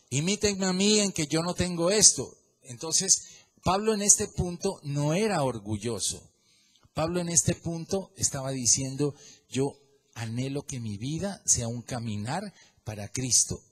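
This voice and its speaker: A middle-aged man preaching a sermon, swinging between loud emphasis and quiet asides and repeating phrases for emphasis. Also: on the high side, slightly rough. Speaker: pastor.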